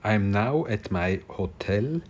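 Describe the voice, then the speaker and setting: A man with a fairly low voice talks casually as a travel vlogger. He is unhurried and deliberate, pausing often, with clear ambient noise around him. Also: animated. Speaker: vlog host. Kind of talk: casual travel vlog commentary. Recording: clear background noise on location.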